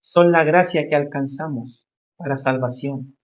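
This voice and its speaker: Male pastor, sermon, fairly high voice, emphatic rising questions, slow stressed repeats.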